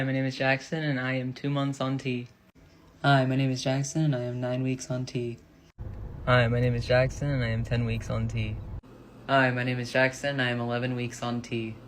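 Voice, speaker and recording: Man, flat monotone, repeated voice diary clips, faint hiss behind. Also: medium pitch.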